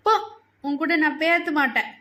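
A woman voicing a sulky, tearful little girl in an audio novel, with halting, childish speech. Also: high voice, pushed and bright. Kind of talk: audiobook character voice.

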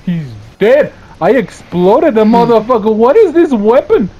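Excitable man yelling over games. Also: extremely high pitch, measured pace, dull audio. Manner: loud, excitable, swears a lot, switches between English and Spanish. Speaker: gaming streamer. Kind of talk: casual gaming banter.

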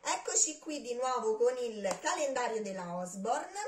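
A woman hosting her channel and reading a children's storybook aloud in a gentle, expressive tone. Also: on the high side, normal speed, a little hiss or hum.

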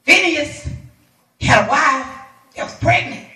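A high-pitched woman minister with a bright, forceful edge delivers a colloquial, animated sermon, laughing and drawing call-and-response from the pews. Her voice rings out in a roomy, echoing church, picked up from some distance away. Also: takes it slowly. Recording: echoey room from far off.

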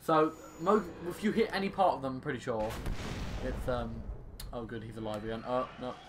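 Over clearly audible video game action sounds, a young man who hosts gaming videos rambles through casual commentary, exasperated, joking about his complaints and swearing mildly. He speaks briskly in a mid-range voice, with background noise in the recording.

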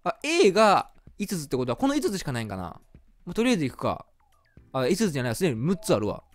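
A man with a Kansai accent giving chatty, excitable commentary while playing a video game. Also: fairly high pitch, fast talker, no echo. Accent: Kansai Japanese. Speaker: game streamer. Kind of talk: let's play commentary. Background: faint game music.

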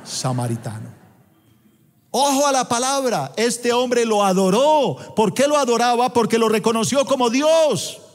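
A man's voice: extremely high pitch, animated, a little slow. A man preaching a sermon in a church auditorium, emphatic and prompting the congregation to call out key words. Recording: long hall reverb in a church auditorium.

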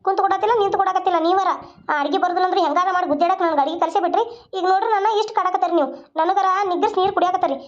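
Weary cartoon daughter-in-law played by a woman, talks super fast, complaining. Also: extremely high pitch. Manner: complaining, protesting. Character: put-upon young daughter-in-law, tired and defiant. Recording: dull lo-fi sound.

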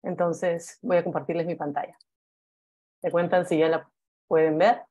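A woman in her forties, a guest editor, presenting to students over a video call in a relaxed, friendly way. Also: lowish voice, moderate pace. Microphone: video call with earphones.

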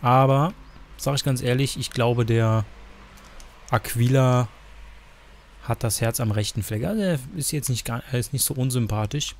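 Gravelly man chatting through a game. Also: medium pitch, moderate pace, long pauses, a little hiss or hum. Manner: chatty, hesitant with fillers. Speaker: let's play gamer. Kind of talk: casual game commentary.

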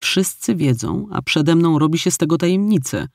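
A man reading an audiobook, voicing a hurt, quick-tempered young woman who speaks in an irritated, demanding way. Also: fairly high pitch, lively intonation, a little mellow, no room sound, studio quality.

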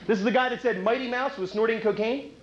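A man's voice: very high voice, fast. A male stand-up comedian in a chatty routine, teasing the crowd with rhetorical questions and laughing at his own jokes. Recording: echoey, muffled club recording with loud noise.

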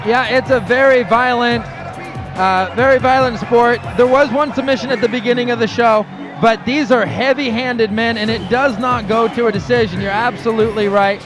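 A man provides analytical fight commentary in a very high-pitched voice. He talks over clear crowd noise and music in a live broadcast. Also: steady tone, moderate pace.

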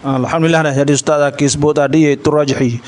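Man, Kelantan Malay accent, high voice, religious storytelling, acts out voices, clears throat often. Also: quick pace, background noise. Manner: animated storyteller, acts out dialogue. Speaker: religious lecturer.

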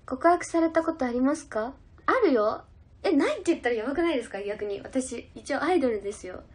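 A woman's voice: sits high, lively intonation, fairly quick, slightly rough. A young woman idol chatting casually on a livestream, giggling as she reads out and answers viewer comments. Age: young adult.

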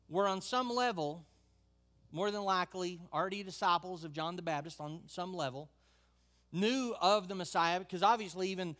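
Man preaching, high voice, conversational sermon with asides, pastor. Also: a bit bright.

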